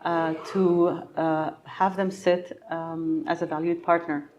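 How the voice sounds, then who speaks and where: A middle-aged woman from Egypt, a patient advocate answering conference interview questions thoughtfully, pausing often with fillers. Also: lowish voice, level tone, a little mellow, lo-fi sound, a little hiss or hum. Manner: thoughtful, many pauses and fillers.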